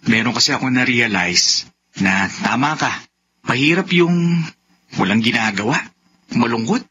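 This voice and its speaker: An actor playing an eager, gentle young Filipino man in an old-style radio drama. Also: medium pitch, animated, a little slow, lo-fi sound, slight background noise. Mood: easygoing. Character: eager, gentle young man Warren, sickly rich son.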